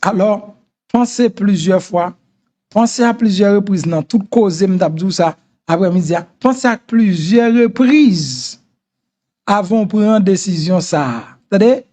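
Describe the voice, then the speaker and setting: A man's voice: sits high, animated, slow, dark tone. A middle-aged man with a Haitian Creole accent, talking in a casual commentary monologue and repeating his advice insistently. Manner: repetitive, insistent advice-giving. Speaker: host.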